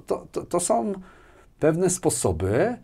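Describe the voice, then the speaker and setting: A sales executive in his forties, interviewed in a small furnished indoor studio on a lapel mic, explains things animatedly in a casual way. His high-sitting voice is husky with vocal fry, and he speaks slowly, repeating words and often tagging sentences with a questioning "right?".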